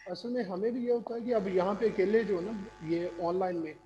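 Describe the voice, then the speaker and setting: A man's voice: high-pitched, steady tone, brisk, mellow, highs cut off. Man teaching online in a roomy echo. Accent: Pakistani. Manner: patient, quizzes students. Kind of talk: online class lecture. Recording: roomy reverb, faint noise.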